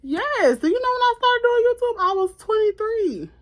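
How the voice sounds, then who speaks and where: A woman's voice: very high voice, moderate pace. Chatty young woman vlogging to camera. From Florida, US. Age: 20s. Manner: chatty, animated, laughs and repeats herself. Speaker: podcast host. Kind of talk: casual vlog chat to camera.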